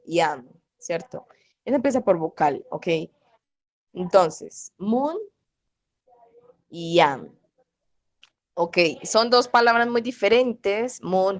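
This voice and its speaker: A woman leads an online Korean lesson, speaking slowly and patiently. Her voice sits a little low, and she keeps asking her students if they follow. The close call mic sounds dry, with no room around it. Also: dry recording, low-quality recording. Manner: patient, repeats "¿ok?" and "¿cierto?" often. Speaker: Korean language teacher. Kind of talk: online class explanation.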